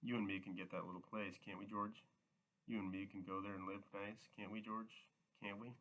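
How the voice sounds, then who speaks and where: A frightened old ranch hand, read by a man in a low, level voice, pleading and asking the same questions over and over. The delivery stays close to plain storybook reading. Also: flat delivery, moderate pace, fairly bright tone, rough recording.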